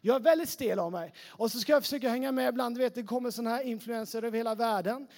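A man, a youth pastor, giving a lively, casual sermon to a young congregation, chatty and peppered with fillers. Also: extremely high pitch.

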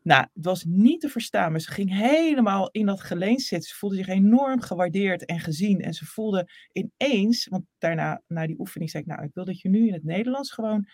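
A woman's voice: medium pitch, fairly quick, hardly any pauses, no echo, studio quality. A woman voice coach in a casual interview, telling stories and acting out the dialogue. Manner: animated storyteller acting out dialogue.

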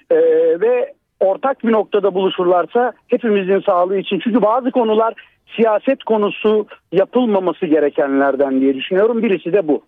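Measured man over a landline phone. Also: high voice, no room sound. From Turkey. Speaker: radio call-in listener. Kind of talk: casual call-in comment. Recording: tinny dry phone line.

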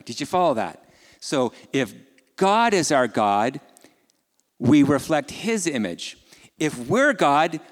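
A man preaching a sermon in a conversational way, asking his listeners questions and adding casual asides. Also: a little high. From Ukraine. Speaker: pastor. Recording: long hall reverb.

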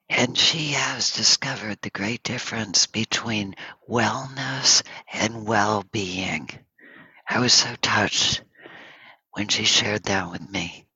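Male meditation teacher, breathy half-whisper with a bright tone, dry close sound, slow pauses between phrases. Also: fairly low pitch, no echo, lo-fi sound. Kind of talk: gentle guided dharma talk. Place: home, over an online session.

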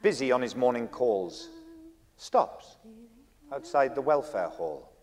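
A man narrating a radio play in a lyrical, measured way. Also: medium pitch, very animated. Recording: long hall reverb with faint music.

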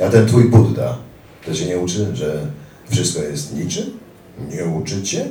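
A man's voice: low-pitched, lively intonation, unhurried, mellow, echoey room, far from the mic, slight background noise. A man voicing a male Naxalite fighter who mocks and lectures his captive. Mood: mocking. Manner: sneering, lecturing.

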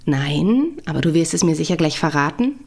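A woman's voice: deep voice, very animated, moderate pace, gravelly, a little mellow, voice pushed down, full character voice. A woman reading a dry, dismissive man. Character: dry, matter-of-fact man.

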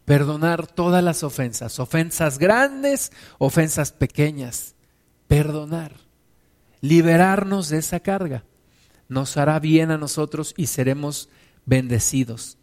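A man's voice: a little high, slow pace, darkish tone. A man preaching a sermon with an emphatic, repetitive cadence.

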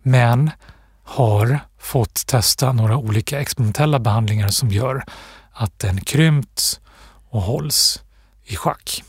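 Guest author, male, breathy voice, thoughtful and unhurried, dry close sound. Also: mid-range voice, no echo. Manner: thoughtful, pausing, with restarts and fillers. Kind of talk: reflective interview talk.

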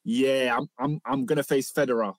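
A man's voice: medium pitch, steady tone, normal speed, dry recording. A man with a London accent co-hosting in casual, opinionated banter, repeating his points emphatically. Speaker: podcast co-host, football fan.

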